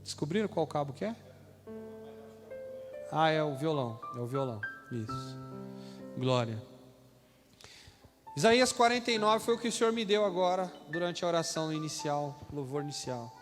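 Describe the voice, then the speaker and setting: A man with a Brazilian Portuguese accent, a pastor preaching a sermon in a conversational way that rises to loud shouted scripture readings. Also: on the high side, animated, moderate pace, long pauses, music in the background. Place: church hall. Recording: live church sound with long hall reverb and instruments behind.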